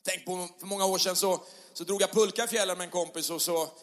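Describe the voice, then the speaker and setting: A middle-aged male pastor preaching a sermon in a church hall, conversational with tag questions, rising to loud passionate peaks. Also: high voice, fairly even intonation. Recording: long hall reverb.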